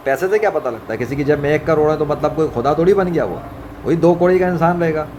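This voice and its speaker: Speaking quickly in a fairly high-pitched voice, this male religious vlogger scolds indignantly in an informal monologue and repeats phrases to drive points home. A fan runs in the background, and ambient hum makes the recording clearly noisy.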